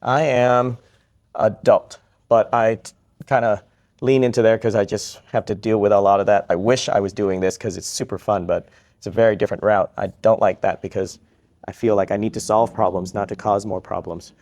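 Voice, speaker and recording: A man's voice: fairly low pitch, fairly even intonation, normal speed, darkish tone. A man from Vietnam who works as a psychiatrist, giving a live question-and-answer talk to students, upbeat and joking, repeating each question back.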